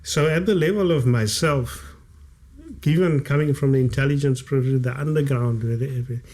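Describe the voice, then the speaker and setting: Seated at a studio condenser mic with headphones, a South African guest author in his late fifties talks reflectively on a podcast. Kaaps is his first language; his mid-range voice is a little mellow, his pace moderate, and he elongates key words to stress them.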